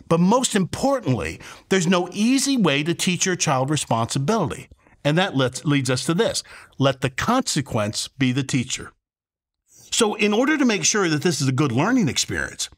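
A pastor in his sixties, with a fairly high and fairly bright voice, gives an emphatic, conversational sermon to camera from a furnished living room. He favors rhetorical questions and acts out examples.

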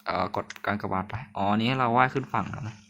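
A young man thinks aloud as he plays, in a loose, chatty commentary. He jokes with his viewers and lets out quick startled yelps, keeping up a stream of self-talk. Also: lowish voice, a bit bright. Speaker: gaming channel host. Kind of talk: casual let's-play commentary.

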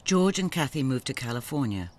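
A man narrating a documentary in a measured, ominous scripted read. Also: mid-range voice, sing-song.

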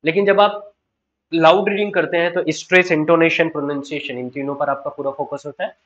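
An Indian man teaches a spoken English lesson in an earnest, encouraging tone, driving each tip home by repeating it. His voice sits a touch higher than most men's. The recording sounds slightly dull and lo-fi. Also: steady tone, brisk, fairly bright tone. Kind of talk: online class lecture mixing Hindi and English.

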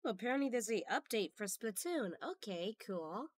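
A woman streamer, hoarse from a cold, chatting casually with her viewers and greeting them by name. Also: a little high, lively intonation, moderate pace, no echo.

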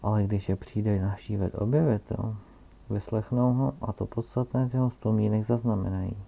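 A self-important old scholar who lectures in a loud, booming storybook voice, as a man reads him aloud. He speaks low and gravelly with a dark, mellow tone. The recording sounds dull and lo-fi. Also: fairly even intonation. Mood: pompous.

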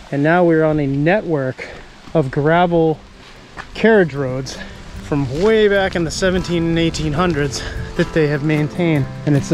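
A man in his thirties vlogging outdoors while cycling, speaking to a close-held camera in an awed, easygoing, musing way. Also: a little high. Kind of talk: casual travel vlog. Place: outdoors on park trails by bike. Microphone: camera held up close while riding. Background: background music.

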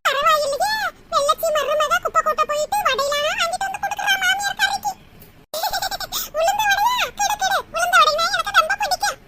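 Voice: very high-pitched, sharp tone. A performer voicing a nagging old mother-in-law in a cartoon. She speaks in a Tirunelveli Tamil accent and scolds and mocks as she complains. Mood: pleased. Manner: scolding, mocking, drawn-out complaints. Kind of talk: cartoon voice acting.

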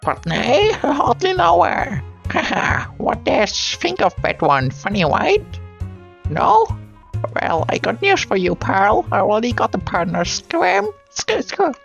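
A man voicing a young male bird-monster classmate who cracks bad puns and shoos people off, in a high squeaky put-on voice. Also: wildly swooping pitch, slow, gravelly, a bit bright, dull audio, faint music behind, full character voice. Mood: cocky jokey. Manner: cocky, jokey, shooing people away.

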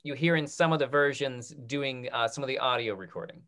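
Speaking through his computer mic on a video call, a man in his thirties hosts an online theatre talk back, reading viewers' comments in a live Q&A. His mid-range voice is fairly bright and clean. He halts often, starting phrases over and repeating them.

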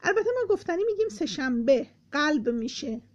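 A woman teaching beginners to read, breaking words into syllables and sounding out each letter slowly. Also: high-pitched, expressive, a little mellow. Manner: slow sound-by-sound spelling of words. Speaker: Persian teacher. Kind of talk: beginner reading lesson. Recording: dull lo-fi recording.

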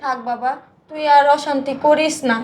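A woman's voice: sits high, steady tone, normal speed, close to an everyday voice. A woman playing a frail pleading old mother. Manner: pleading, soft. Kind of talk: short-film drama acting.

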